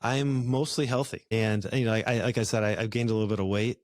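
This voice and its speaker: A man's voice: fairly low pitch, fairly even intonation, fast, no room sound, studio quality. A man hosting a podcast, chatting casually in an easygoing way with lots of fillers and restarts. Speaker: podcast host. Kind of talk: casual conversation.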